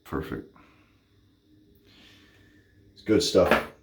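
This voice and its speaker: Drawing out his words against background noise, a shaving vlogger in his thirties chats to camera in an echoey little home bathroom. He comes across as goofy and hyper and keeps correcting himself.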